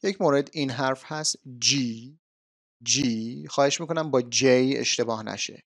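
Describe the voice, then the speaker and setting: Male teacher, patient, repeats sounds slowly, dry close voice. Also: mid-range voice, no echo. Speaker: English teacher. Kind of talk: explaining a language lesson.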